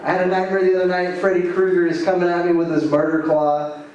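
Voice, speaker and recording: A man's voice: high voice, level tone, fast talker, highs cut off, a crowd in the background. A man in his late twenties from Arizona doing a stand-up comedy set, rambling loosely with lots of filler words. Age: 20s. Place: comedy club stage. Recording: echoey room, voice from far off, audible room noise.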